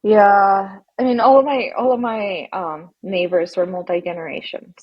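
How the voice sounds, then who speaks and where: A woman from Colombia speaks as a guest in a relaxed interview. Her voice is husky and a bit breathy, and she talks in a reflective, halting way. She often pauses to gather her thoughts. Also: medium pitch, dull audio. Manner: reflective, halting, laughs softly between phrases. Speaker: guest, psychologist. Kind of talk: casual interview conversation.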